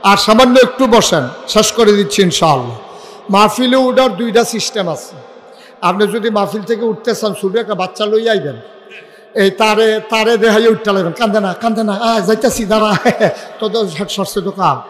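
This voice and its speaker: A male preacher with a high voice delivers a fiery storytelling sermon. He keeps shouting out for the crowd to answer him and throws in jokes, and a long reverb trails each phrase through the loudspeakers at an outdoor gathering. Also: expressive, moderate pace.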